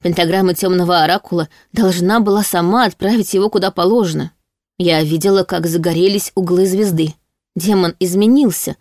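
A woman reading a first-person fantasy audiobook aloud in a lively, expressive way. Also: lowish voice, no echo, studio quality. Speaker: audiobook narrator.

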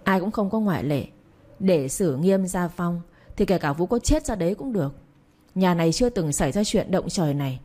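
A woman reading the part of an elderly head of the household, gruff and furious. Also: on the low side, animated, moderate pace, mellow. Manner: gruff, pronouncing each word.

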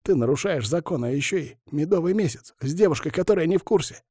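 A man's voice: fairly high pitch, lively intonation, quick pace, warm tone, dry recording, clean studio sound, pitched above the performer's own voice. A man doing a hissing, panicky young guy. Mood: panicked. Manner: hoarse hissing whisper. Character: jittery panicky young male friend.

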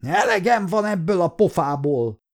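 Man doing a scrawny clerk yelling high and strained. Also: very animated. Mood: furious shouting. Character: scrawny middle-aged male clerk, furious then whimpering.

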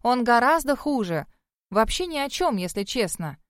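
A woman voices a flustered young heroine, pitched a little high and quick to snap back. She sounds defensive and exasperated, with a dry, close sound. This is a storybook character brought to life with a sharp tongue. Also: big pitch swings, no echo. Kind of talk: audiobook character voice.

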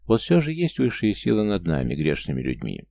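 A man's voice: low voice, wildly swooping pitch, brisk, creaky, mellow, heavily acted. Man doing a gushing, falsely sweet aunt. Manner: sugary, effusive.

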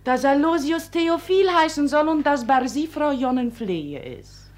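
A woman's voice: high-pitched, expressive, a little slow. An actress playing a desperate, tearful young servant girl who speaks broken German, in 1950s radio play style. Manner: broken German, pleading then defiant.

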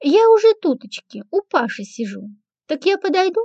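A woman's voice: very high-pitched, big pitch swings, normal speed, mellow, no room sound, voice pushed up, heavily acted. A woman voicing a sly, fawning young ex-servant who wheedles, giggles and sighs. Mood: wheedling. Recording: dull lo-fi, dry.

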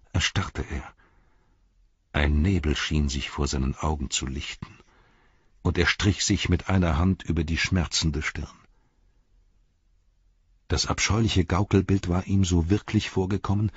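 A man narrating an audiobook in a measured, steady storytelling manner. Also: deep voice, husky, dry recording. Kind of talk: scripted narration. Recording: dull dry audiobook recording.

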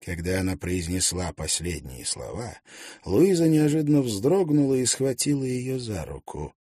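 A man narrating an audiobook in a calm, measured way. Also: lowish voice, no room sound, studio quality.

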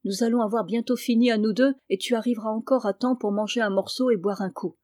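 A woman's voice: on the high side, steady tone, fast talker, a little mellow, dry recording, lightly acted. Upbeat kind farm boy, woman reading, dry voice. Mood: cheerful. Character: cheerful sturdy farm boy, kind brother.

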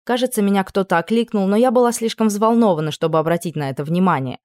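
A woman reading a first-person novel aloud, expressive and emotional. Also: mid-range voice, fast, dry recording, studio quality. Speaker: audiobook reader. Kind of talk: first-person audiobook narration.

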